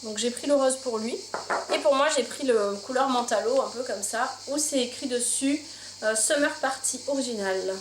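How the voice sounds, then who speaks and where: A woman's voice: high-pitched, moderate pace. A woman chatting casually in a haul vlog, gushing over her purchases, filled with fillers, recorded at home with windows open. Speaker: vlogger showing her shopping haul. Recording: roomy home room, faint insect noise. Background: insects outside.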